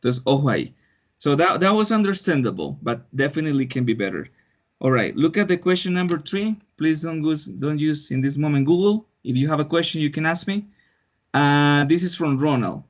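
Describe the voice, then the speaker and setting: A man's voice: fairly high pitch, expressive, moderate pace. A man teaching an online English class, giving pronunciation feedback and switching between Spanish and English. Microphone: video call.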